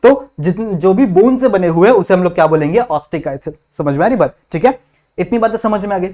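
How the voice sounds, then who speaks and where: Brisk and animated, this young man from India has a high voice with a dark tone as he lectures on biology in Hindi and English. He's repetitive, asking rhetorical questions and checking in with students again and again.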